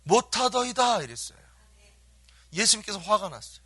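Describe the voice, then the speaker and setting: Male pastor, sermon delivery, slightly high and very bright, animated storyteller who quizzes the pews. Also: brisk. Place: church.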